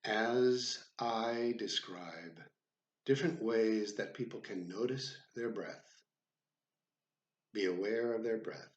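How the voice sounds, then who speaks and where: Leading a guided body scan, a low-voiced male psychotherapist keeps a measured, deliberate pace, leaving frequent gaps between short phrases. The recording is roomy, echoing clearly, since he's in a room with the door left open.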